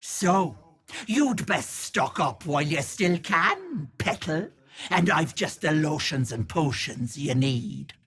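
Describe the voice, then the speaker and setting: An actress playing a wicked old hag who poses as a kindly auntie in a video game, sly, wheedling and sharp-tongued, with sugary endearments. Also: female voice, sits low, sing-song, slow pace, full character voice. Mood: sly, bargaining. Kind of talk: game voice acting, theatrical.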